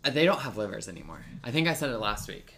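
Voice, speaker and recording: A podcast co-host in easygoing conversation, talking with a lively, swinging pitch. The delivery is loose and rambling, full of "like" and restarts, with casual swearing. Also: fast, gravelly. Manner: chatty, lots of "like" and restarts, swears. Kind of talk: casual chat.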